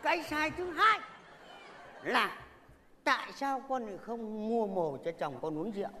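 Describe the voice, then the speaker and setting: A woman's voice: fairly high pitch, animated, normal speed, bright, forceful tone, a little hiss or hum. A woman acting a bossy, tipsy old patriarch who scolds and lectures his family in a stage comedy sketch. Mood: lecturing.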